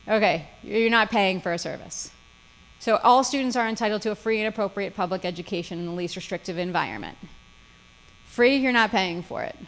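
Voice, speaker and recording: A woman's voice: medium pitch, lively intonation, brisk, rough recording. A woman lawyer giving a seminar lecture, with frequent "okay?" check-ins and dry sarcasm. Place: seminar room.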